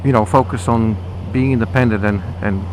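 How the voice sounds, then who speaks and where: A man's voice: lowish voice, fairly even intonation, brisk. A British man vlogging casually and explaining things as he rides, his voice recorded inside a motorcycle helmet. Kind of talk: casual explanatory vlog talk while riding. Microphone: microphone inside the helmet. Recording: clear engine, wind and traffic noise.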